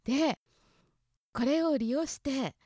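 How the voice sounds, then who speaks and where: A woman's voice: high-pitched, slow, mellow, no echo, studio quality. A young woman explaining Japanese pronunciation in a casual way, stretching out vowels to demonstrate them. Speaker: language explainer.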